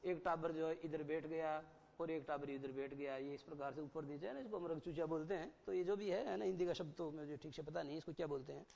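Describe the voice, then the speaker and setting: A man teaching an English lesson to children, reading lines out slowly and explaining them with questions to the class. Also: fairly high pitch, gravelly, darkish tone, slight background noise. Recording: dull lo-fi sound with long hall reverb.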